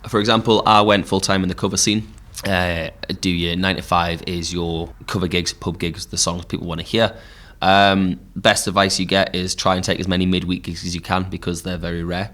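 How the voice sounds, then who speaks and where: Give me a deep Geordie man, casual and rambling, talking music in a pub. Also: fairly quick, few pauses. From Newcastle, England. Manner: relaxed storytelling with frequent fillers. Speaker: podcast host and musician.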